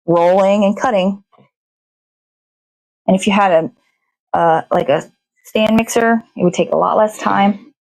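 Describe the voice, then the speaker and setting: In her home kitchen, a woman hosting a show cooks and chats loosely, thinking out loud and slipping in little sing-song remarks. Her voice is a little high with a darkish tone, and the recording quality is low.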